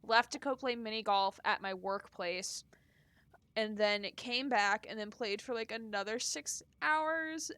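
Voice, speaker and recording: On a casual live stream, a woman with a higher, pushed and bright voice chats and rambles unhurriedly while playing and reading a game, laughing often. The sound is smooth with no echo.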